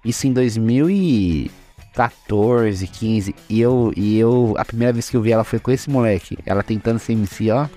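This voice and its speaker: A man's voice: on the low side, normal speed, dark tone, faint music behind. Slangy young man, casual podcast chat. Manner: slangy, laughs often, rambling. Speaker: podcast co-host.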